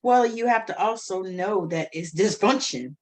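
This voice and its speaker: Middle-aged woman, mid pitch, blunt and emphatic co-host on a casual podcast. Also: moderate pace.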